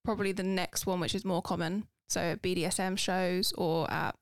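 A woman's voice: on the low side, fairly even intonation, moderate pace, no echo, clean studio sound. A woman co-hosting a podcast, explaining things in a matter-of-fact way and laughing easily. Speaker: podcast co-host. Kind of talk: casual chat.

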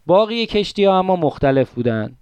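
A man's voice: high-pitched, very animated, a little mellow, smooth, dry recording. A man hosting a podcast, narrating a history story in a dramatic, conversational way, with asides to his listeners. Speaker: podcast host.

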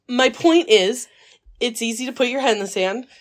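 A woman's voice: on the high side, moderate pace, slight background noise. Earnest woman co-hosting a book club chat. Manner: earnest, emphatic, many fillers and restarts. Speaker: book club podcast co-host. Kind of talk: casual chat. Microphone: phone recording.

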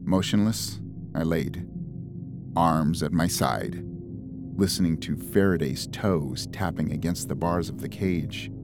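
A young man narrating a first-person story in a measured, introspective way. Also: a bass voice. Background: music.

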